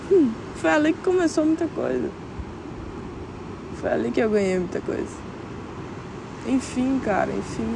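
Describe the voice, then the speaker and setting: Standing on a clifftop by the beach, a young woman vlogs straight to her viewers in a fairly high, gravelly voice, with noise in the background. Her talk is casual, reflective, and full of slang.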